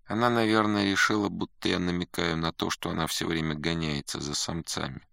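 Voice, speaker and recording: A man voicing a glum young male kappa student with a nasal voice, complaining quietly. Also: low-pitched, fairly even intonation, fairly quick, vocal fry, dry recording, studio quality, full character voice.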